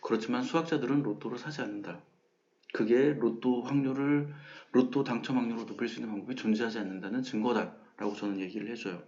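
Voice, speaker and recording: A man's voice: mid-range voice, quick pace, darkish tone, dull audio. A man hosting a math channel, explaining ideas in a casual lecture and acting out the questions people ask him. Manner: conversational, acts out quoted questions.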